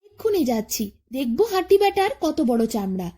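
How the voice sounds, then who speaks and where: A woman voicing a bold, eager mosquito who welcomes a friend and rallies others, in a high cartoon storybook voice. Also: very animated, normal speed, warm tone, husky, exaggerated voice.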